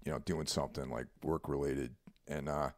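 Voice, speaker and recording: A man co-hosting a podcast in casual chat, relaxed and rambling, often asking "you know what I mean?". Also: a bass voice, moderate pace, no echo, studio quality. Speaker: podcast co-host.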